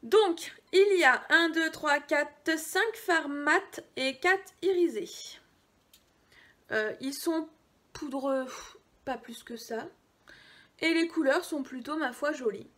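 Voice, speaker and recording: A woman chatting casually through a makeup haul video, hesitant, often dropping into quiet asides. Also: high-pitched, slow. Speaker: beauty vlogger.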